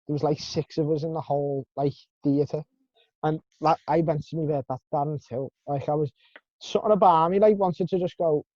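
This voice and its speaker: A man's voice: a little high, steady tone, a little fast, warm tone, no room sound, lo-fi sound. A man with a Liverpool accent telling anecdotes in casual chat as a podcast co-host. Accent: Liverpool (Scouse).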